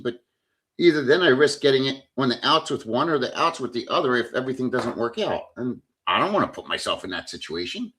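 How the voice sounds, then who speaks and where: A middle-aged livestream host rambles through a casual stream, talking bluntly, reading viewer comments aloud and swearing freely. His voice is medium in pitch with a fairly bright tone.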